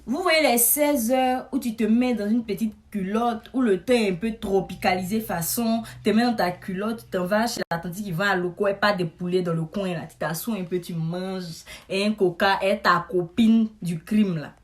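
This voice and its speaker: Woman, comic storyteller; chatty, animated, talks straight to the audience. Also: mid-range voice, normal speed, hardly any pauses. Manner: animated, chatty storytelling with frequent asides to the listener. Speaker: comedic storyteller. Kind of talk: comic monologue to camera.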